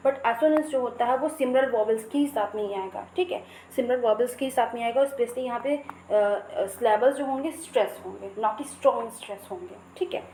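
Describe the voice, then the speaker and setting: A fairly high-voiced woman from India lectures like an exam coach, repeating key points again and again and slowing down to read definitions and verse. Her comes through in the parts. The room is echoey, with a faint hum of noise behind her. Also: a little mellow. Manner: repetitive, drills key points, reads English definitions and poem lines slowly. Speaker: English literature teacher. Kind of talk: exam-prep lecture in Hindi mixed with English.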